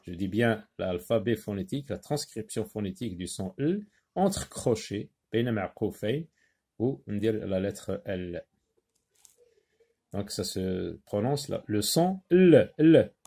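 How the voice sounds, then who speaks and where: A man teaching a phonics lesson to young children, repeating words slowly and hesitating often. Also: on the low side, animated, gravelly, dark tone, breathy edge. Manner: slow and deliberate, repeats words and syllables; frequent hesitations with euh.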